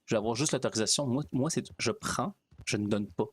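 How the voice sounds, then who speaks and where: A man, chatting casually as a streamer, rambling and halting. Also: mid-range voice, a little hiss or hum. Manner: rambling, halting, with restarts and fillers. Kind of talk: casual out-of-character chat while gaming.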